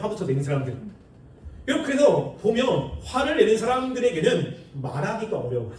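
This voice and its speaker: A man preaches with a high, animated voice that swings up and down, acting out quoted people with bursts of laughter. He is heard from a distance in a very echoey hall, with a faint hiss behind him. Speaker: pastor. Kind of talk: sermon. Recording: echoey room, far from the mic.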